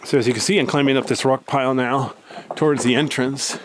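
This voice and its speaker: A man's voice: mid-range voice, fairly even intonation, a little fast. A man giving a casual, rambling tour commentary in a laid-back manner, filming himself exploring inside a cave. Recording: clear background noise, handheld cave recording.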